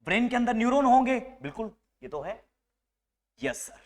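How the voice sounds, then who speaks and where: A man teaching a live nursing class to a room of students, lively and teasing, mixing English medical terms into his speech. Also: very high-pitched, normal speed. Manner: animated, teasing, mixes Hindi with English terms.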